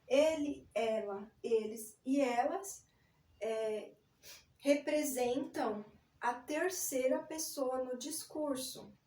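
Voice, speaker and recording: A woman's voice: sits high, takes it slowly, mellow, far from the mic. A woman teaching a recorded grammar lesson, patiently explaining step by step and spelling words out. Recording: echoey room, voice a bit off-mic.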